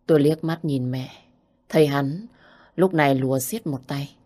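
A woman reading a first-person story aloud in a steady, subdued manner. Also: deep voice, moderate pace. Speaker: story reader.

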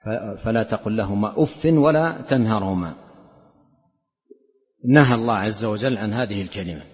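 A man giving a religious lesson, explaining a narration in a measured way and often repeating or restarting words. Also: lowish voice. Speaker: Islamic scholar teaching a lesson. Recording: dull lo-fi lecture recording with long hall reverb.

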